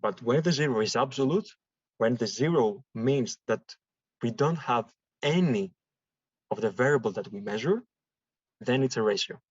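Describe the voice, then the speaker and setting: A man's voice: mid-range voice, lively intonation, slightly rough, no echo. A man from Greece, giving a classroom statistics lecture and explaining step by step with examples. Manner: explains slowly with examples and repetition. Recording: dull dry lecture recording.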